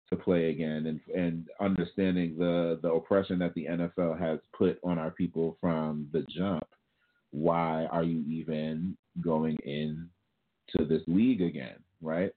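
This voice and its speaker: A man co-hosting a talk show, working through his points with rhetorical questions. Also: low-pitched. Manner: deliberate, asks rhetorical questions. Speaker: podcast co-host. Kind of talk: casual talk-show commentary. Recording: tinny phone-like call audio.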